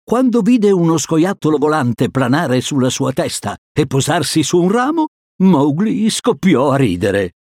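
A man reads a children's storybook aloud with a very animated, sing-song voice. He takes his time with the words. The recording is close and dry. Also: a little high, unhurried, few pauses, no room sound. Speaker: narrator. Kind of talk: storybook reading.

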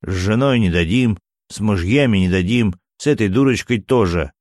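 A sly, mocking cynic with a low, deep voice, read by a man. The delivery is dry and close, storybook style. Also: moderate pace, a little mellow, no echo, natural voice. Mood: teasing. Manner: sly, teasing.

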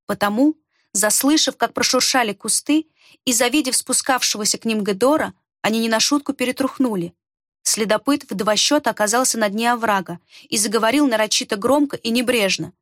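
A woman reading a fantasy story aloud in a steady, measured narration. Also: on the high side, no echo, clean studio sound. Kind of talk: scripted audiobook narration.

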